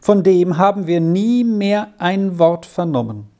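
An anxious, pleading old housekeeper from a storybook, put on by a female reader. She talks with slow, soft urgency in a dark, mellow tone, pitched a little above the reader's own low voice. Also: expressive. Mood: worried pleading.

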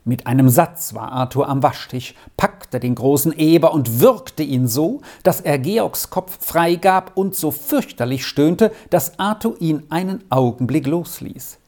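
Unhurried storybook narrator, medium pitch, measured reading. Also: expressive, darkish tone. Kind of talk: audiobook reading.

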